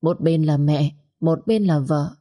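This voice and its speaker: A woman narrating a scripted story in a steady, even voice. Her voice is low and mellow. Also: unhurried.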